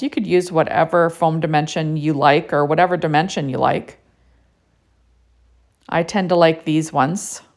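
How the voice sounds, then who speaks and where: Chatty woman crafter, low-pitched. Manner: chatty, many fillers like "you know" and "right?". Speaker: card-making crafter. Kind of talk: casual crafting tutorial narration.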